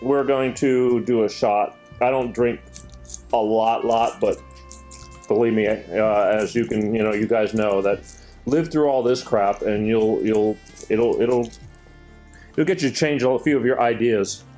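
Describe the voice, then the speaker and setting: A man's voice: medium pitch, a little slow, dark tone, faint music behind. A man hosting his own chat show, talking earnestly and rambling with lots of fillers and restarts. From Greek heritage. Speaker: show host.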